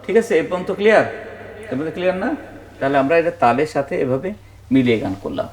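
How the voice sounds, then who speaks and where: A man's voice: a little high, lively intonation, quick pace. A man, a music teacher giving a singing lesson to children, patiently counting beats aloud and often checking that they follow.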